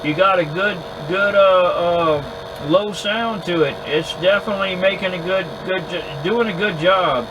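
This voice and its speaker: A man having a casual two-way radio chat in an easygoing, halting way, often repeating words as he goes. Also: high voice. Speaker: amateur radio operator recording contacts. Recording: clear background hum and noise.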